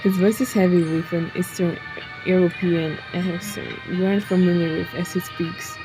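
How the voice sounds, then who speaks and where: A woman's voice: lowish voice, fairly even intonation, normal speed, poor audio. A woman reading a visual novel aloud, breaking off with joking asides. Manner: reads narration, breaks off to joke and laugh. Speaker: game streamer. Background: game music.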